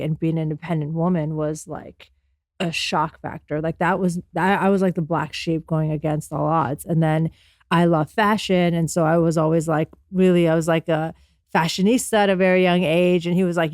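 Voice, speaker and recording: A woman's voice: lowish voice, darkish tone, no room sound, clean studio sound. A woman in her forties, born in Afghanistan and raised in America, telling her life story as a podcast guest in an earnest, motivational way with frequent ums. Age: 40s. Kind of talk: reflective personal storytelling.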